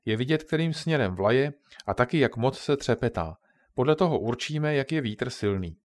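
A man's voice: mid-range voice, lively intonation, dry recording, close to an everyday voice. A man voicing a plump, eager boy camper who likes to explain and take charge, read aloud from a storybook.

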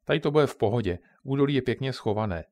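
A man's voice: medium pitch, expressive, darkish tone, no room sound, clean studio sound, lightly acted. A man voicing a plump, eager boy camper who likes to explain and take charge, read aloud from a storybook.

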